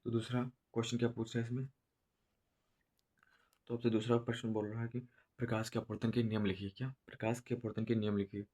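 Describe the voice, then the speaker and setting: Male teacher, monotone delivery, slow and repetitive, headache-weary exam lesson. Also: mid-range voice. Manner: slow, repetitive explaining with many filler checks. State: has a headache. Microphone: no proper voice recorder.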